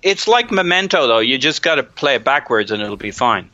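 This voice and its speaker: A man's voice: medium pitch, very animated, brisk, bright, forceful tone, dry recording, muffled recording. A man co-hosting a podcast, chatting loosely and jokingly about football, often restarting his sentences. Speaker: podcast co-host. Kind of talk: casual football chat.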